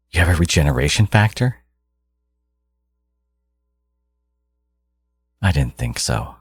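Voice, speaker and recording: In a dramatic second-person audio roleplay monologue, a man plays a genius supervillain who is menacing and condescending, exasperated and obsessive yet somehow caring. His voice is low, gravelly and husky, heavily acted and theatrical, with a clinical, condescending mood and moments where he slips into whispers. There is no room sound.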